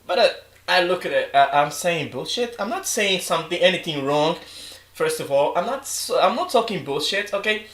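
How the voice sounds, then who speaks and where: Male English teacher, high voice, lively casual delivery, echoey room. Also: measured pace. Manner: animated, switching between English and Portuguese, acts out students' lines. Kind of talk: casual online English lesson.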